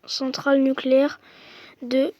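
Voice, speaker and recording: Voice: sits high, monotone, slow pace, dry recording, lo-fi sound. A young speaker giving casual, slangy commentary while playing a quiz game on a phone, chatting to viewers. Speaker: gamer playing a quiz app. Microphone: phone microphone.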